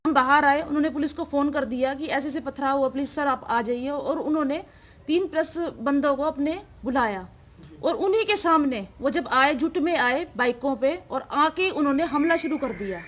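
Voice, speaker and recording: A woman recounts events to a news interviewer in a high, clear voice. She is urgent and aggrieved, and keeps calling the interviewer sir. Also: moderate pace, slight background noise. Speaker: interviewee, victim's sister.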